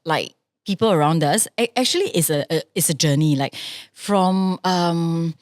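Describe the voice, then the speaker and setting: Low-voiced woman chatting on a podcast. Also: normal speed, dry recording, clean studio sound. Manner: reflective, backchannels often with soft agreement. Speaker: podcast co-host, singer. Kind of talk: casual chat.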